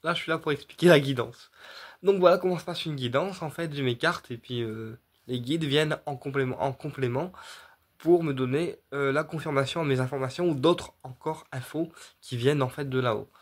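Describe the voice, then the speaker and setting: Talking directly to camera, this medium, a man who sells readings, rambles through his explanation with lots of fillers, repeated words and false starts, often asking "d'accord." His voice is medium in pitch and a little fast.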